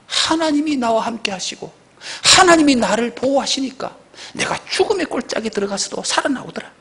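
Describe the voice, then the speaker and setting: A male pastor preaches a sermon with a high, husky voice. The pitch moves widely. He is emphatic and repeats phrases, swinging between loud and soft. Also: animated, brisk. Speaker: senior pastor.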